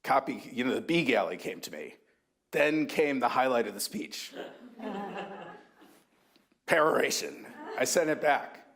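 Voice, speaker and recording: A man in his sixties, an author at a university book talk, reminiscing thoughtfully with halting restarts. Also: mid-range voice, very animated, gravelly, a bit bright, breathy edge. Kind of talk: reflective anecdotal talk.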